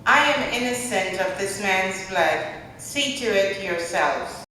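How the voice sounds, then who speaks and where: Woman as Roman governor, loud public declaiming, forceful tone, scripture drama, very echoey hall. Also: medium pitch, animated, slow pace. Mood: firm. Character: Pontius Pilate, Roman governor questioning a crowd. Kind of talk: church dramatic scripture reading. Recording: echoey church hall, distant mic, faint noise.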